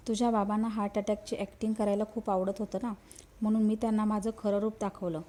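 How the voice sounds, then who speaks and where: Woman doing a vengeful ghost girl, creepy and possessive, warm dark voice. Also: medium pitch, flat delivery, fast talker, close to an everyday voice. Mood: gloating. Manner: menacing, mournful in turns.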